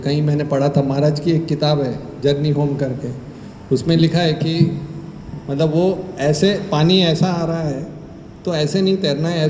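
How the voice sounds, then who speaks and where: A man giving a Hindi scripture talk in a temple hall, telling personal stories and acting out the dialogue with lively energy. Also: a little high, slight background noise. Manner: animated storyteller who acts out dialogue. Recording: echoey hall with faint ambience.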